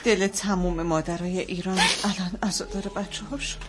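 An actress playing a calm, caring nurse in a hospital drama, comforting a colleague. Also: female voice, on the low side, background noise, natural voice. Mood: soothing. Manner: soothing, firm. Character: female nurse, caring and steady. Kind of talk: TV drama acting.

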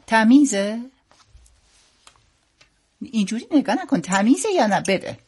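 A woman's voice: a little high, very animated, darkish tone, slightly rough. A woman hosting a radio show, needling her partner with wry, persistent questions in comic banter.

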